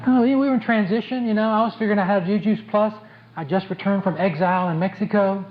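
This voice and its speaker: A man's voice: high voice, fast. Blunt joking man giving a motivational talk. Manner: blunt, joking, repeats key points for emphasis. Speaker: motivational speaker at a sales conference. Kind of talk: motivational speech to an audience. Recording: dull lo-fi tape with faint background noise.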